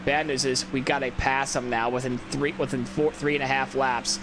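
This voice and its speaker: Over loud racing-game engine noise and some background music, a tired man gives rambling let's-play commentary at a moderate pace. His medium-pitched voice barely moves in pitch, and he's self-critical, restarting his sentences frequently.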